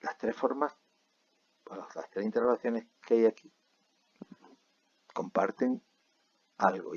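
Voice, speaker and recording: A man teaching a recorded video lesson, explaining patiently and reading examples slowly and clearly. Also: lowish voice, dull audio.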